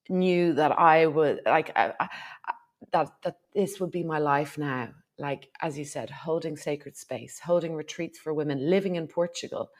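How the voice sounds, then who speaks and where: Irish woman, podcast guest, low-pitched, reflective storytelling, casual interview. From Ireland. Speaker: podcast guest, retreat host and yoga teacher.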